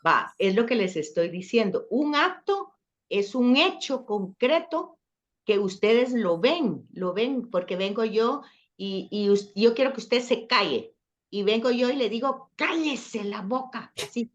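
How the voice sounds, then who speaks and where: Leading a church study session as a Bible class teacher, a woman speaks in a fairly high voice with lively intonation and an unhurried pace. She explains patiently, draws on everyday examples, and addresses her listeners directly, though the sound is lo-fi.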